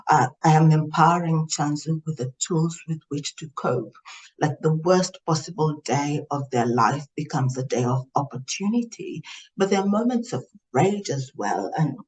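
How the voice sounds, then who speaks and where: A woman's voice: low voice, darkish tone, low-quality recording. Thoughtful woman from Tanzania, reflective. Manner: reflective, thoughtful, with frequent fillers. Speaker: author guest. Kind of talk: podcast interview.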